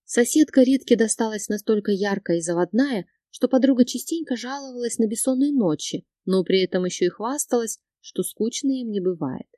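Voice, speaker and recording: A woman reading a first-person audiobook with steady, expressive narration. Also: on the high side, a little fast, hardly any pauses, no echo, studio quality.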